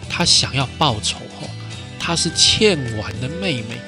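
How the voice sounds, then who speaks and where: A male podcast storyteller. He retells the story in a lively, colloquial way at a mid pitch. Faint guitar music plays underneath. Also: measured pace. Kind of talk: casual storytelling narration.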